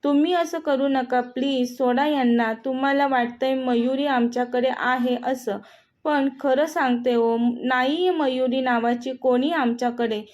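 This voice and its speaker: Storybook role: a frightened mother pleading with her captor, read by a woman with a high voice. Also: steady tone, a little slow, a little mellow. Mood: begging. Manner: begging. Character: frightened middle-aged mother, begging. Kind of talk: storybook reading.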